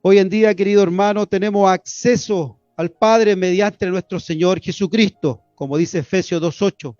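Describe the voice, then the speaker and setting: A man's voice: sits high, moderate pace, a little mellow, no room sound, highs cut off, soft background music. A man from Chile preaching an expository sermon, earnest and repetitive, often addressing his listeners as brothers.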